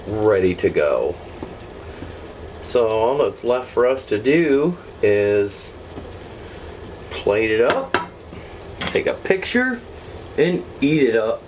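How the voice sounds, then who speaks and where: Losing her voice, a woman hosts a homey cooking show in her kitchen, chatting casually with viewers over a sizzling pan and other kitchen noise. Her tone is rumbling low and darkish, and the recording is low quality with slight background noise.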